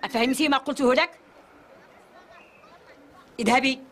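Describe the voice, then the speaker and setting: A woman's voice: sits high, normal speed, slight background noise, lightly acted. A woman playing a strict, scolding housemother. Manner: commanding, scolding. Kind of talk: dubbed drama acting. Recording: echoey room from far off.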